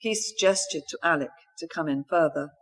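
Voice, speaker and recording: A woman author reading a mystery novel aloud in a steady, even storytelling manner. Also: sits low, normal speed.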